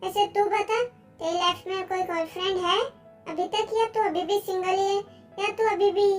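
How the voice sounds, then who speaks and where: A woman doing a grumpy young boyfriend, high-voiced. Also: fairly even intonation, normal speed, faint music behind. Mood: bantering. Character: young man, grumpy then tender boyfriend. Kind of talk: Hindi fan-dub story voicing.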